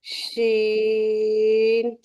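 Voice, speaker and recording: Smooth, flat-voiced woman student. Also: fairly high pitch, low-quality recording. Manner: flat, slow single-syllable repetition. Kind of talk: repeating letters after a teacher. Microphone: video call.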